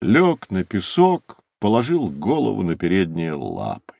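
A man's voice: low voice, wildly swooping pitch, measured pace, vocal fry, a little mellow, dry recording. A man narrating a children's audio drama.

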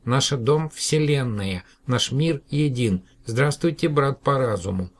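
A man's voice: animated, measured pace. A man voicing a tiny, childlike alien cosmonaut who boasts and speaks earnestly in a raised, piping voice. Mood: grandiose. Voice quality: high, piping voice. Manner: earnest, declaiming.

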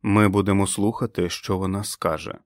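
A man's voice: deep voice, fairly even intonation, normal speed, dry recording, clean studio sound, close to an everyday voice. A man voicing a protective young husband who speaks urgently, in an audiobook. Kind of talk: audiobook character voice.

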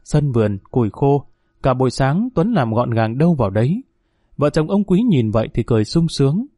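Male audiobook narrator, measured, mellow, dry studio sound. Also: mid-range voice, very animated, no echo. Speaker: storyteller.

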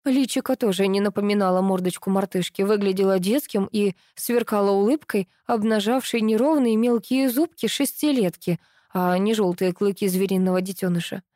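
A woman narrating a first-person novel as an audiobook, in a lively, expressive storytelling manner. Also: medium pitch, moderate pace, no room sound, studio quality.

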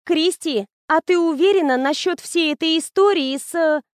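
A woman reading the lines of a lively young woman student who teases her friend in an audiobook. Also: very high-pitched, moderate pace, no room sound, studio quality, voice pushed up. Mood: chatty. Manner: bubbly, teasing, animated.

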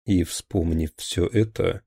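A man narrates an audiobook in a low, very dark voice with a husky grain. His reading is measured and grave, recorded close and completely dry. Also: no echo.

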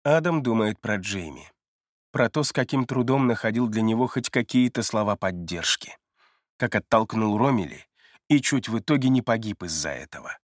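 A man steadily narrating a thriller audiobook in a measured storytelling manner. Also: fairly low pitch, lively intonation, no echo. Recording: dry close studio read.

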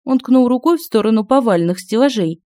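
Guy reading an audiobook, lively, dark warm voice, dry close sound. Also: very high voice, brisk, no room sound. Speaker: audiobook narrator. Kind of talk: scripted audiobook narration.

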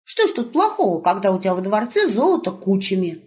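A woman voicing a brash, tactless young wolf who talks in excited slang, on a muffled recording. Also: mid-range voice, fairly quick, close to an everyday voice. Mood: puzzled.

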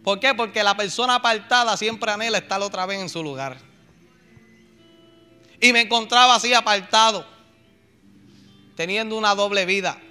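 A man's voice: high voice, normal speed, pauses often, sharp tone, clear, resonant tone, faint music behind. A man preaching a fervent, emotional testimony in a pleading manner. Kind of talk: sermon testimony.

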